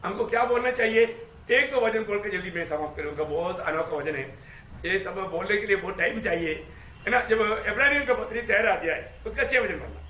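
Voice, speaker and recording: Man preaching, really high bright voice, gets shouty, big echoey hall. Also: brisk, a little hiss or hum. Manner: animated, calls out to the congregation, voice rising to shouts. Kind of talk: sermon. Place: church hall with congregation.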